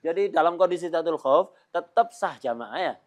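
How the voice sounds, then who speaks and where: A man's voice: on the high side, expressive, unhurried. A middle-aged man teaching Islamic law, joking and laughing often as he explains. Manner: jokey, laughs often, mimics chatter. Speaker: religious teacher.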